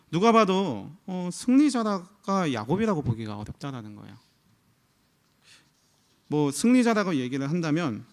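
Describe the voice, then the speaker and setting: A male pastor, likely in his thirties, giving a conversational sermon full of rhetorical questions. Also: on the high side. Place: church.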